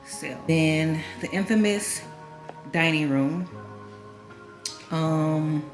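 A young woman casually walking through her apartment on camera, rambling with lots of fillers and restarts. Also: low-pitched. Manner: rambling, filler-heavy, self-correcting. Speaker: home vlogger. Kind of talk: casual home tour narration. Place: small apartment, indoors.

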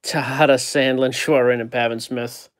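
Reading player names off fresh packs, a card-break host keeps things light with casual jokes at his indoor breaking table. His mid-range voice holds a steady tone at a moderate pace.

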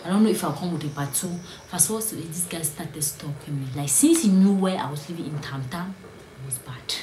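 A young woman with a fairly low voice, recounting a personal storytime in an earnest tone that often drops to a near whisper. Her voice rings in a roomy, echoey space with a faint hum of ambience behind it. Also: fairly quick, mellow. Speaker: vlogger. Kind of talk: storytime vlog.

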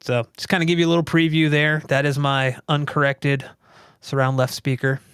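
A man hosting a relaxed tech podcast, walking listeners through gear in a loose, explanatory way. He fills gaps with "uh" and "like" and keeps it conversational. The room sound is dry and close. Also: a little high, moderate pace, clean tone, no echo. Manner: easygoing, explanatory, many fillers. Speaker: podcast and livestream host. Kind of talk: casual tech chat. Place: home theater room.

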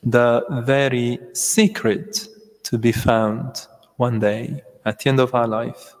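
Slow priest preaching at a pulpit microphone. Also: male voice, mid-range voice, level tone. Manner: slow, measured preaching with long pauses. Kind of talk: homily at Mass. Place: large church. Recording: long church reverb.

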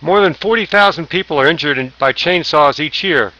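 A man's voice: a little high, fairly quick, pushed and bright, highs cut off. A man narrating a safety training slideshow, reading lists aloud with small slips and restarts. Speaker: safety instructor.

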